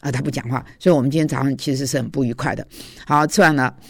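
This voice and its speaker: A man's voice: medium pitch, steady tone, racing, dry recording, clean studio sound. A man who teaches at a seminary and preaches, giving an informal devotional talk in a confessional storytelling way with frequent hesitations.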